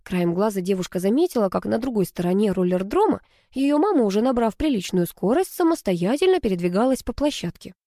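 A woman's voice: mid-range voice, very animated, fairly quick, hardly any pauses, dark tone, no echo. Woman narrating a story, dry close sound. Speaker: audiobook reader. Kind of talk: scripted narration.

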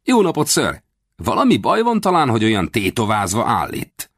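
A man voicing an eager, cheeky young boy who chatters in a high, excited, boastful way in an audiobook. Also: dry recording, clean studio sound, heavily acted. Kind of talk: audiobook character voice.

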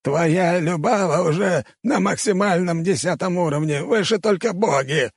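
Grumpy ancient tree-creature merchant, rude and rasping, pitched way up. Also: male voice, expressive, moderate pace, dry recording, clean studio sound, full character voice. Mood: indignant. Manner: snappish, rude. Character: grumpy old male tree-creature shopkeeper.

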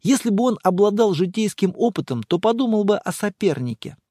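A man narrating an audiobook in a calm, measured way. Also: sits high, no room sound, clean studio sound.

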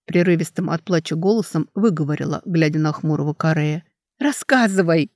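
Woman reading an audiobook, lowish voice, dry close sound, dramatic but even. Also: fairly quick, no room sound. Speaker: audiobook narrator. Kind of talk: scripted audiobook narration.

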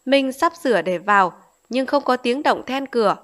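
A woman reading a novel aloud as an audiobook narrator, in steady storytelling. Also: high-pitched, moderate pace.

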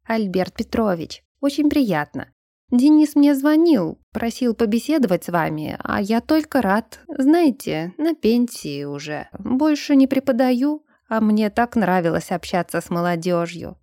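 A kindly old male scholar, long retired, fussing warmly over his guests, as a woman reads him in a storybook. The voice is soft and mellow, set in a dry, close space with no room sound. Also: on the high side, sing-song, a little slow, no echo. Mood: welcoming. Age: older. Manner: warm, bustling, welcoming.

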